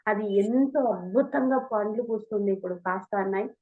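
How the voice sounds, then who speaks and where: A woman recounts her own spiritual experiences in an earnest, storytelling way, slipping into the voices of the people in her stories. Her voice sits at a middle pitch. The sound is thin and narrow, as if heard over a phone. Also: brisk. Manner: earnest storytelling, acting out quoted dialogue. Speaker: meditation teacher sharing experiences. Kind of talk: testimonial talk.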